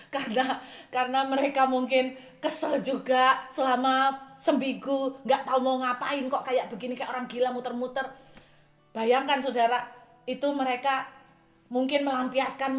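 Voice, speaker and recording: A woman preaching a sermon. She talks in a lively way, shouting praises and then dropping to a near whisper. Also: fairly high pitch, reverberant.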